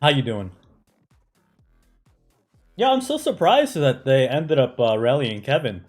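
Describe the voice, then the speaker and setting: A man's voice: mid-range voice, wildly swooping pitch, a little slow, a little mellow, soft background music. A man who grew up in the United States, chatting casually on a game live stream, answering chat with lots of fillers and "right?" tags.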